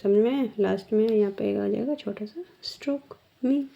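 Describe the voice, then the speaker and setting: A woman's voice: medium pitch, creaky, warm tone. A woman teacher explaining shorthand step by step, patiently asking her students questions. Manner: slow, patient, asks the class questions. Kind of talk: step-by-step lesson. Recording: dull lo-fi sound.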